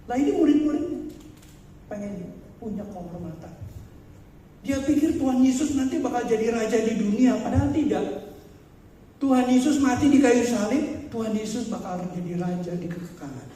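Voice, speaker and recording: A man's voice: extremely high pitch, lively intonation, moderate pace, dark tone. A man preaching a sermon in a conversational style, speaking straight to his congregation and asking them rhetorical questions. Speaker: pastor. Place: large church hall. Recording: echoey church hall, mic far off.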